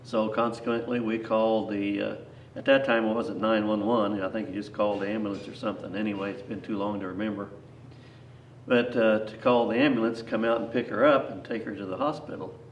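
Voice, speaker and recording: An older man with a lowish voice tells a rambling grandpa story. He is folksy and plain-spoken, backtracking as he reminisces. The recording is echoey, with the microphone some distance away. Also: fairly even intonation, brisk, lo-fi sound. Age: 60s or older. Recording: echoey, distant mic, faint noise.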